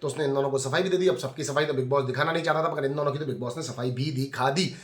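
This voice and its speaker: A man's voice: mid-range voice, very fast. A man giving casual commentary on a reality show, chatty and scolding the people on it directly. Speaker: reality TV reviewer. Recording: echoey room.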